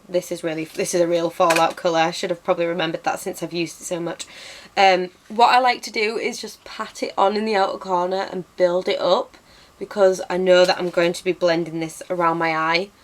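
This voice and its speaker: A young Englishwoman, a beauty vlogger, chats through a casual makeup tutorial in her bedroom with bookshelves. Her lowish voice is slightly croaky and hoarse as she's losing it, and she speaks briskly. She's chatty and self-mocking, with lots of ums and restarts.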